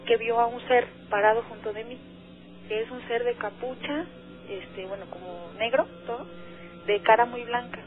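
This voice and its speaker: A woman with a Mexican accent, calling in to a radio show and telling her story in an earnest, hesitant way, with many filler words. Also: a little high. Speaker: radio caller. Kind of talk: phone-in conversation. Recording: tinny phone line, faint music.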